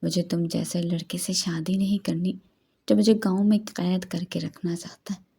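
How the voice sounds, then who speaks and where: A woman reading the part of a proud, defiant young woman who shouts back scornfully. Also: fairly low pitch, little pitch movement, moderate pace, creaky, husky.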